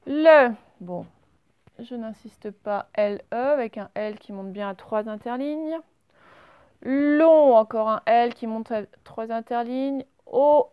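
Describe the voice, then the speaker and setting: A woman's voice: a little high, darkish tone, smooth, no echo, studio quality. A woman teacher in a classroom at the blackboard, patiently talking pupils through joined-up handwriting step by step. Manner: slow, patient step-by-step dictation. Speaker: primary school teacher. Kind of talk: recorded handwriting lesson.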